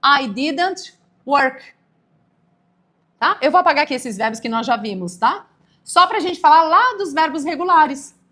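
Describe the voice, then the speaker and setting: A woman's voice: sits high, a bit bright. A woman from Brazil teaching English grammar in a live online lesson, explaining patiently and checking in with viewers often.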